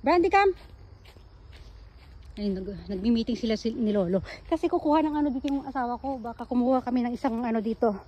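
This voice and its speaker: A woman's voice: on the high side, fast, hardly any pauses, mellow, muffled recording. A woman filming a casual walking vlog outdoors on her phone, chatting to her viewers and calling her dog in a sing-song voice, sometimes out of breath. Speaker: vlogger. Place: outdoor garden and dog run on a hillside.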